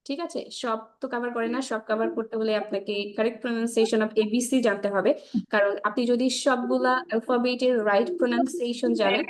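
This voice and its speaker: A woman teaching spoken English in Bengali mixed with English, drilling sounds slowly and often checking in with the class. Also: a little high, steady tone. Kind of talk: online class lesson.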